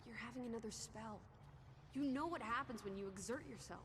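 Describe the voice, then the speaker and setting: A woman's voice: on the high side, a little fast, noisy background, natural voice. An actress voicing a spirited, teasing young woman companion in a video game, breezy, sardonic and a little bossy. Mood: soothing. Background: game music.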